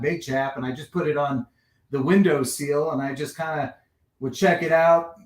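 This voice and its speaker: A man in his forties with a slightly higher voice chats easily as a podcast guest, rambling through his memories at a relaxed clip. His voice rings in a roomy, echoey space. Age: 40s. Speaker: guest collector. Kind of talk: casual podcast chat. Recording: roomy echo.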